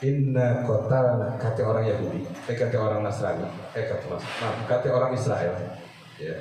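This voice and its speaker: A man's voice: lowish voice, moderate pace. A man giving an evening study sermon in a chatty, conversational way, slipping Arabic recitation in among street slang. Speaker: religious teacher. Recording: very echoey, distant, noisy hall recording.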